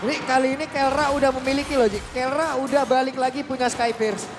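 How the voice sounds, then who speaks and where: A man's voice: very high-pitched, steady tone, fast talker, noisy background. A man with an Indonesian accent giving live analytical commentary as an esports caster.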